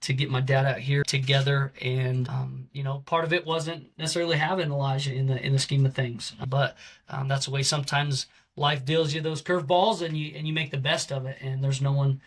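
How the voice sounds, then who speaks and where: A man's voice: medium pitch, flat delivery, fairly quick. A man in his forties, a head coach, talking casually in an interview with many fillers and restarts. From American Southwest. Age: 40s.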